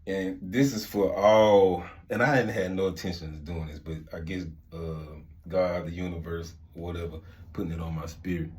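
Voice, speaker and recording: Deep-voiced man. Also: steady tone, moderate pace, darkish tone. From Mississippi, United States. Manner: colloquial street slang, rambling and repetitive. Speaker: vlog host and storyteller. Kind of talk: casual storytelling chat.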